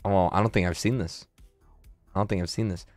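A man in his twenties hosting a casual livestream, excitable and quick to laugh, repeating words as he reacts. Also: deep voice, no echo, clean studio sound, soft background music. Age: 20s. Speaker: livestream host.

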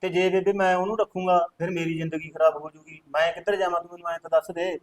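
A man's voice: sits high, level tone, quick pace, echoey room, close to an everyday voice. A man playing a stubborn young husband who speaks bluntly and insistently. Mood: defiant. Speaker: son. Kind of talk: rural family drama acting.

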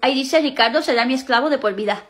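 A woman's voice: high voice, quick pace, background noise, close to an everyday voice. A woman playing a scheming young sister, bossy and sly, in a comedy skit. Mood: smug.

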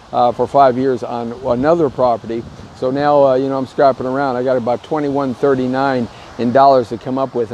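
A man's voice: medium pitch, mellow, lo-fi sound. Chatty middle-aged man on a city street. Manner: chatty, rambling, self-promoting. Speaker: real estate show host. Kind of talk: casual walking vlog. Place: outdoors on a downtown street. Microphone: earbud headset mic, phone at arm's length. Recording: faint street noise outdoors. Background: faint city street and traffic noise.

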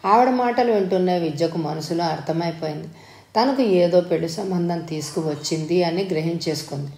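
Lady reading an audiobook story, lowish voice, echoey room. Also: a little fast, mellow. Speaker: audiobook reader. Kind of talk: scripted story narration. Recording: roomy echo.

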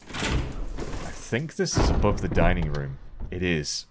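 A man's voice: low voice, very animated, slow, heavy background noise. A man in his thirties giving casual, jokey, sweary let's play commentary, thinking aloud as he goes. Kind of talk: casual horror game commentary.

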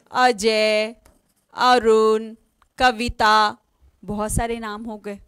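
A woman's voice: on the high side, a bit bright, clear, resonant tone, dry recording. A woman teaching an online exam-prep lesson, spelling words out letter by letter and asking questions she then answers herself. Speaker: English teacher.

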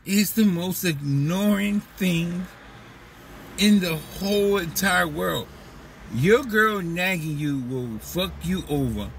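A man's voice: sits high, slow, distant mic, slight background noise. A man talking through a casual, profane, rambling comedic monologue as a vlog host, slipping into mocking voices. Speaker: vlogger host.

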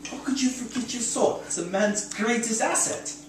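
A man's voice: extremely high pitch, moderate pace, very echoey, distant mic, noisy background, voice pushed up. A man voicing a bumbling, fussy old king who scolds and gives thanks with grand exclamations.

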